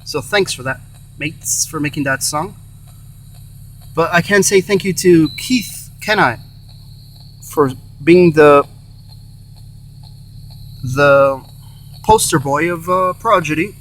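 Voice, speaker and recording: Higher-voiced man rambling over faint noise. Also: slow, pauses often, fairly bright tone. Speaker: host of a paranormal spirit box session. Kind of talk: casual rambling vlog talk, addressing spirits and viewers. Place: in or beside a car.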